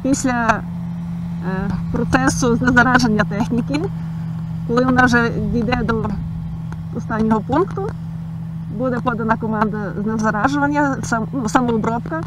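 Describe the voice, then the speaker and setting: A woman in a tank crew speaking through a gas mask, explaining in a halting way with many fillers. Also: fairly high pitch, very noisy. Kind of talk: on-camera explanation.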